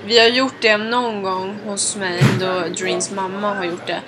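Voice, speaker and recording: A woman's voice: mid-range voice, little pitch movement, a crowd in the background. A young woman co-hosting a podcast, chatting casually with emphatic reactions. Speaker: podcast co-host. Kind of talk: casual chat.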